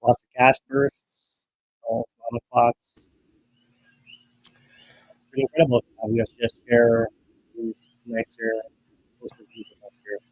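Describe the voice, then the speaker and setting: A man's voice: medium pitch, flat delivery, unhurried, pauses often, dry recording, muffled recording. A man co-hosting a volcano update livestream, chatting loosely over eruption footage while his remote microphone sounds garbled and underwater. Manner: loose, rambling narration with restarts. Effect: garbled underwater-sounding bad microphone connection.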